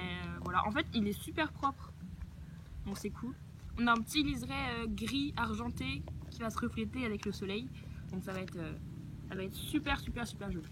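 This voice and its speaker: Young woman, higher voice, chatty, enthusiastic, filler-heavy, noisy outdoor recording. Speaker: equestrian vlogger. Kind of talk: casual unboxing chat. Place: outdoors near horses.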